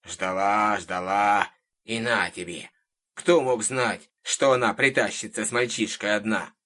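Man putting on a hoarse old witch. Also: lowish voice, moderate pace, a bit bright. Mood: muttering. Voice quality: hoarse, cawing like a crow. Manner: domineering, grumbling. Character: gruff bossy old witch woman.

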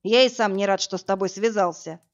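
A woman voicing a burly, crude male thug who barks orders and mocks, in a rough, coarse, threatening manner. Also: mid-range voice, fairly quick, close to an everyday voice. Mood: gruff. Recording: dull lo-fi audiobook, faint music.

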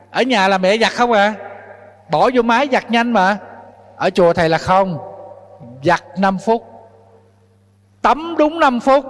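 A man's voice: high-pitched, big-room sound. A male Buddhist monk giving a dharma talk to young followers, scolding and urging them on with rhetorical questions.

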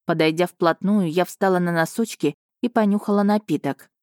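A woman narrating a first-person romance novel in a steady, expressive reading style. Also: fairly low pitch, normal speed, dry recording, clean studio sound. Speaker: audiobook narrator.

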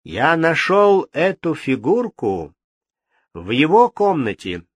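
A man voicing a composed, bold nobleman who presses an accusation calmly and firmly. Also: a little high, takes it slowly, breathy edge, no room sound, voice pushed up, full character voice. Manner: calm, firm.

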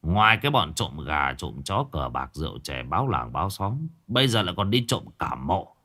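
A man voicing a gruff old villager who curses at and scolds a group of young men. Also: sing-song, moderate pace, bright, forceful tone, full character voice. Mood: scolding. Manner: harsh scolding, low and cursing.

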